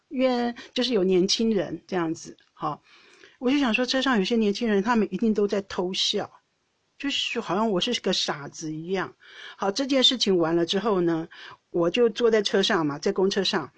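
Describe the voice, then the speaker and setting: A woman's voice: mid-range voice, no room sound. A woman from Taiwan with a Taiwanese Mandarin accent, hosting a podcast and telling a personal story in a chatty way, often restarting her sentences with small laughs. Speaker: podcast host. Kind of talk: casual storytelling monologue.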